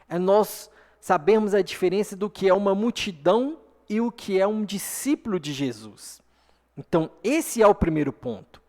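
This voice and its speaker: A man's voice: high-pitched, a little mellow. A man with a Brazilian accent preaching an earnest sermon to a congregation, often asking for an "amen". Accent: Brazilian Portuguese. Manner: earnest, repeats "amém?" to the congregation. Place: church hall. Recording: long hall reverb.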